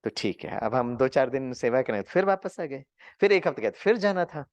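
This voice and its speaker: A man teaching a spiritual class, telling a story in a lively way, acting out what people said and mixing in English words. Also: medium pitch, brisk, no room sound, highs cut off. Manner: animated, acts out quotes, mixes in English words.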